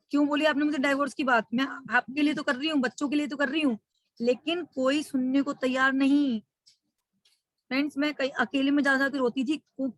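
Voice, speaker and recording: A woman's voice: high-pitched, no echo. A middle-aged woman giving a motivational webinar talk, telling her story with emotion and speaking straight to her listeners as friends.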